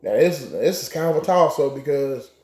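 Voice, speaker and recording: A man's voice: medium pitch, expressive, a little fast, dark tone. A man co-hosting a casual sports chat, giving blunt picks with profane trash talk. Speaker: co-host making game picks. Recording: echoey room.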